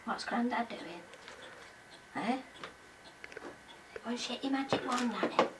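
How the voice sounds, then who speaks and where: An older woman, coaxing a toddler in sing-song baby talk at home, sometimes dropping to soft murmurs. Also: fairly high pitch, slow pace, echoey room. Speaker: grandmother playing with a toddler. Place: family home, indoors. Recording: distant home-video audio with background noise.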